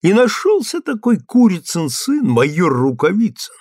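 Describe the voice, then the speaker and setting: A man's voice: medium pitch, big pitch swings, a little slow, slightly rough, dry recording, studio quality. A man voicing a proud imprisoned inventor who speaks with restrained sarcasm. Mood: sardonic. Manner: restrained, sardonic.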